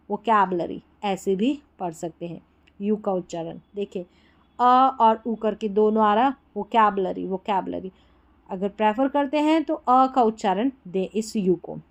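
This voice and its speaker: Brief: woman, English reading tutor, raised pitch, spells words out slowly. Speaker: English teacher. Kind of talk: slow word-by-word reading lesson.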